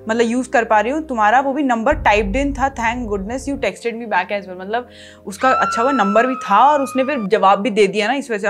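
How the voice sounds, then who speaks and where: A young woman casually reading out a creepy text story and reacting to it, animated and mixing English phrases into her talk. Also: on the high side. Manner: animated, mixes English into chat, reacts with gasps and laughs. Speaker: YouTuber reading creepy texts. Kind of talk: casual storytelling read-aloud.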